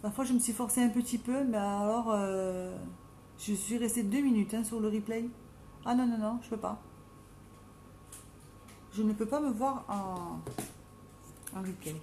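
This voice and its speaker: A middle-aged woman with a Marseille accent, doing her makeup live at home and chatting casually with viewers by name, self-mocking, with a strong, deep voice. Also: moderate pace, dark tone, slight background noise. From Marseille, France. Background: dogs playing now and then.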